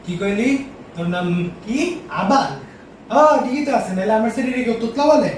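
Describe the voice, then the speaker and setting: A young man playing a hot-tempered rustic father who scolds and threatens in rapid bursts. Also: extremely high pitch, noisy background. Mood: furious. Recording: echoey room, voice from far off.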